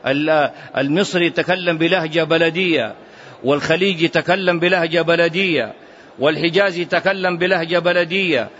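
A man teaching a religious class, quizzing his students with animated, mocking asides. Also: on the high side, normal speed, muffled recording, slight background noise. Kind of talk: classroom lesson.

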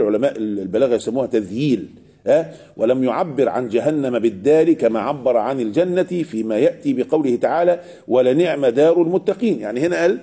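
A religious teacher with an Egyptian Arabic accent leads a lesson on Quranic verses in a mellow, husky, medium-pitched voice. He often poses a question to the class and then answers it himself.

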